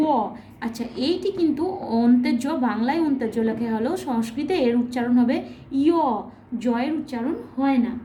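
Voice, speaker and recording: Bengali-speaking woman teacher, high mellow voice, patient, self-questioning, echoey room. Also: a little hiss or hum. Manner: patient, asks and answers her own questions; demonstrates sounds slowly, repeating them. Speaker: Sanskrit teacher. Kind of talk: explanatory online lesson.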